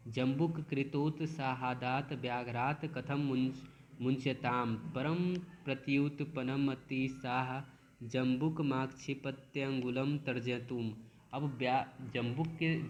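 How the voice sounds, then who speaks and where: Male teacher, mid-range voice, reads text slowly then explains with restarts; faint background noise. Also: medium pitch. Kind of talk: reading and explaining a lesson.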